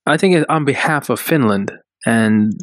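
A man's voice: medium pitch, no echo. Man co-hosting a radio talk show. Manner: halting, reads article text aloud with fillers. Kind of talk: casual chat.

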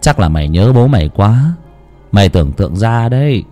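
A man voicing a stern older village man who speaks gruffly and gives orders. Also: fairly low pitch, sing-song, brisk, mellow, faint music behind, voice pushed down. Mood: doubtful. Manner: gruff, commanding.

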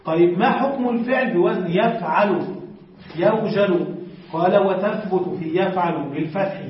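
High-voiced male teacher in an echoey hall. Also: moderate pace. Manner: poses questions to students and answers them, repeating word forms. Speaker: sheikh teaching Arabic morphology. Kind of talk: classroom lecture. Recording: very echoey, distant, dull lo-fi.

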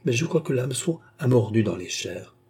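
A man voicing a sly, scheming young woman who speaks in a hushed, knowing way in a storybook reading. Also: mid-range voice, animated, fairly quick, gravelly, breathy edge, exaggerated voice.

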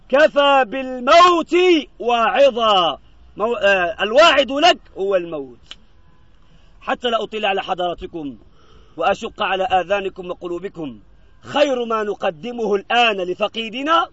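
A man's voice: high-pitched, a bit bright, no room sound. A man preaching at an outdoor funeral, then leading supplications in a fervent, rhythmic way, repeating each plea while mourners answer. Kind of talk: graveside funeral sermon and supplication. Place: outdoors at a cemetery. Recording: muffled outdoor recording with crowd. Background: mourners answering amen.

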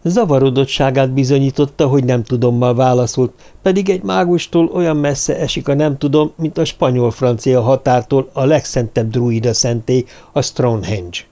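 A male narrator reads a dark novel aloud in a steady, measured storytelling voice. His tone is dark and mellow, with an even, middling pitch. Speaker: audiobook narrator. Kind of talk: scripted narration.

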